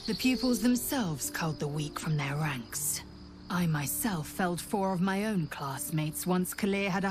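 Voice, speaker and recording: Over a musical score, an actress voices a fierce, proud githyanki warrior woman, declaiming harshly. Her pitch is fairly low.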